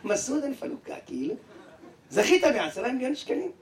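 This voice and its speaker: A man playing a polite male lottery clerk who speaks slowly and formally. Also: extremely high pitch, reverberant, far from the mic, a little hiss or hum, voice pushed up, exaggerated voice. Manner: slow, calm, formal.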